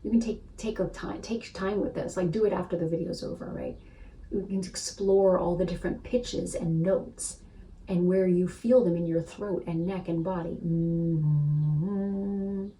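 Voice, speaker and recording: A woman with a low, mellow voice teaches a spiritual practice in a gentle, soothing way. She often checks in with the listener. Her voice sounds a little distant from the mic, with faint noise behind. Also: steady tone, normal speed.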